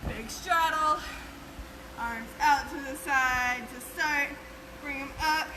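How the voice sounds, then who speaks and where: A woman's voice: sits high, slow pace, roomy sound. A woman gymnastics coach leading a live-streamed stretching class in a casual, encouraging way, giving instructions and counts. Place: gym floor with fans. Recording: noisy live-stream audio with steady background hum.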